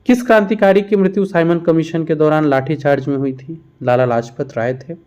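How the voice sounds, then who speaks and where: Reading questions aloud and walking through every answer, a competitive-exam prep teacher runs a revision lesson. He speaks a little fast in a steady, fairly high voice with a darkish tone.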